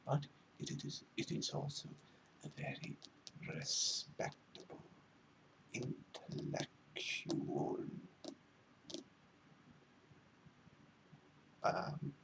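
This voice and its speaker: A man playing a pretentious, fussy librarian in a whispered role-play, half-whispered and breathy, with halting, wordy, condescending delivery. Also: fairly high pitch, completely flat delivery, background noise, exaggerated voice. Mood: pompous enthusiasm. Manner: pompous, halting, theatrically wordy. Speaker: ASMR role-play performer.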